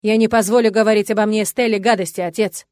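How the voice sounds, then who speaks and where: A woman's voice: medium pitch, fairly quick, darkish tone, no echo, lightly acted. A woman voicing a young man who stands up to his father, speaking firmly and steadily. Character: young man, defiant son, protective and firm.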